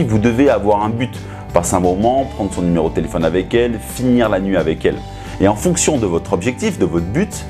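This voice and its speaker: Talking straight to the camera, this man teaches as a seduction coach in his own video, taking an instructional, didactic approach. His voice sits at medium pitch with a somewhat dark tone.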